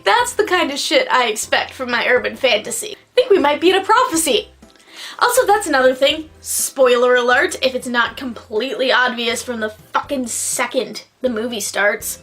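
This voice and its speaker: A woman's voice: on the high side, a bit bright. A tipsy woman vlogger giving a casual, sweary review in a rambling, exclamatory way, stretching out stressed words. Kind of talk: casual, profane video review.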